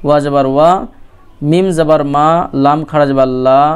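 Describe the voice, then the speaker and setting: A man teaching Quran recitation, spelling out letters and vowels and then chanting each word slowly and drawn out. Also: on the high side, little pitch movement, smooth. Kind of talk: slow recitation lesson.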